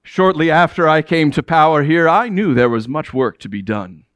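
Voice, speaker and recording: A man's voice: a little high, expressive, moderate pace, a bit bright, dry recording. A man playing a proud ancient king who speaks to his subjects in a commanding way and chuckles between statements. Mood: regal. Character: proud middle-aged male Persian king addressing his subjects. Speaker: actor in a biblical character monologue. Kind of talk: theatrical first-person monologue.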